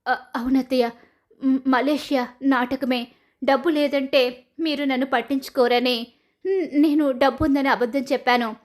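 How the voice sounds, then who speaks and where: A frightened young daughter-in-law, played by a woman, stammering and begging. The voice is high and pleading, in the manner of a storybook. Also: lightly acted.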